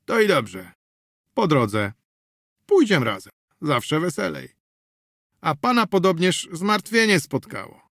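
A man's voice: on the high side, sing-song, takes it slowly, gravelly, long pauses, fairly bright tone, no room sound, clean studio sound, voice pushed up, full character voice. A man voicing a small, slangy street hustler who coaxes a companion to drink. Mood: coaxing. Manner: coaxing, cheeky, slangy.

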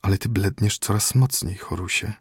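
A man voicing a sorrowful old court physician who speaks in a hushed, half-whispered way. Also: fairly low pitch, moderate pace, husky, no echo, clean studio sound. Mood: grave. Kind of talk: audiobook character voice.

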